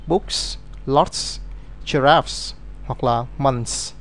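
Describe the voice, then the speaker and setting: A man teaching an English grammar lesson, explaining rules step by step and reading out example words. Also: on the high side.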